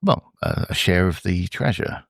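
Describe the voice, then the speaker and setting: A man's voice: low-pitched, sing-song, a little slow, vocal fry, husky, dry recording, clean studio sound, full character voice. A man voicing an alluring, mysterious woman with a persuasive proposition, in a tabletop role-play. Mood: scheming.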